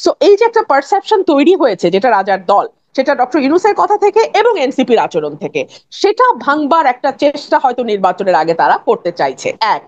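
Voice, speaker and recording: Animated, high-voiced woman arguing. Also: fast talker, no room sound, highs cut off. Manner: forceful, argumentative, mixes English phrases. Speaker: political talk show guest. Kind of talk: political talk show debate.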